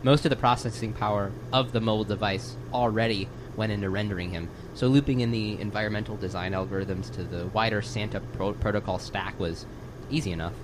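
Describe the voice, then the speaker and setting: A man playing an exasperated, self-important software developer, halting and pedantic. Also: lowish voice, steady tone, background noise, natural voice. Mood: dry, explanatory.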